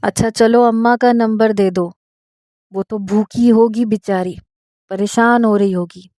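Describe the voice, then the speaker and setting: A woman's voice: medium pitch, fairly even intonation, no room sound, clean studio sound, lightly acted. A woman voicing a kind old imam. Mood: coaxing. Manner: slow, soothing, gently persuasive. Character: kind old male mosque imam, patient and fatherly.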